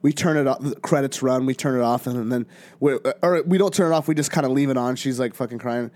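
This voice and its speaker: A man's voice: mid-range voice, quick pace. A young adult man co-hosting a casual podcast, telling stories loosely and acting out quotes in a jumpy voice. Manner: animated storytelling, acts out quotes. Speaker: podcast co-host. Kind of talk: casual chat.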